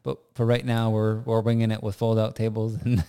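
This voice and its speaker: A man's voice: fairly low pitch, monotone, normal speed, mellow, clean tone. An American man co-hosting a casual, off-the-cuff podcast. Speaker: podcast co-host. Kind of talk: casual, unscripted podcast chat. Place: indoors in an unfurnished house.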